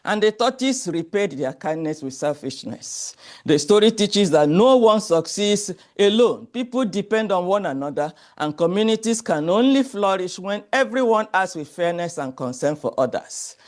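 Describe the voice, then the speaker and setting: Man lecturing, slightly high voice. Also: lively intonation. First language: Igbo. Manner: measured, explanatory, asks for the next slide. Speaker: conference presenter. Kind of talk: academic presentation with folk tale.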